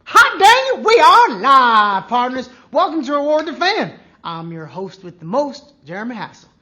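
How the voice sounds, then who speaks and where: A man's voice: very high-pitched, sing-song, normal speed, sharp tone, heavily acted. A man hamming it up as a hollering Southern cowboy host, with a put-on Southern accent full of folksy exclamations. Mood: hammy folksy.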